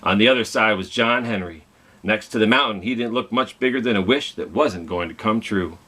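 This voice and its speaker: Reading to kids at storytime, this man delivers a picture book with drama and quizzes his small audience along the way. His voice is fairly low in pitch but pushed and bright, and he moves fairly quickly.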